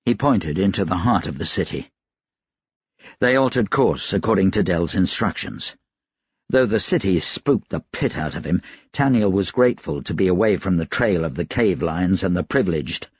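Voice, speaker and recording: Reading scripted narration from a fantasy novel, this male audiobook narrator keeps a measured, even storytelling pace. The low, husky-edged voice is recorded close and dry with no room sound, and comes across slightly dull.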